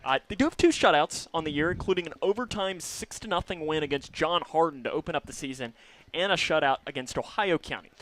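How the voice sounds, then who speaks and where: Guy doing high school football radio, kinda high voice, rattling off stats. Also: fairly bright tone, slight background noise. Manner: reads off stats quickly, banters with co-host. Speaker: radio play-by-play announcer. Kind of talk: pregame football radio talk.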